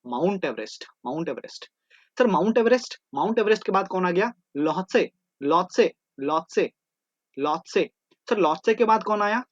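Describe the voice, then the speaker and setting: A man with a voice on the high side teaches an online exam-prep class, drilling terms by repeating them in chants and cracking jokes between them. The recording is dry, with the highs cut off.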